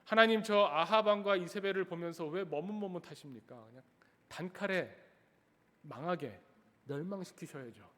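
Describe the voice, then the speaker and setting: A man's voice: sits high, moderate pace, fairly bright tone. A man preaching who voices a zealous, impatient male prophet praying bluntly to God. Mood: demanding. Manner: demanding, blunt. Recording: echoey church hall.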